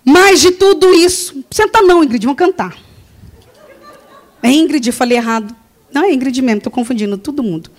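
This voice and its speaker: High-voiced woman preaching with animated storytelling. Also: a little fast, long pauses. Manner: animated storytelling, acts out dialogue, laughs often. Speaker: lay preacher. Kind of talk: testimony sermon to a congregation.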